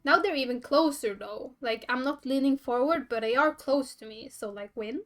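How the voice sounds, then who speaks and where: High-voiced playful woman livestreamer. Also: normal speed, a bit bright. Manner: playful, bubbly, giggly. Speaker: streamer. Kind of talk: livestream let's play, chatting with viewers and reading game dialogue. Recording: music behind the voice.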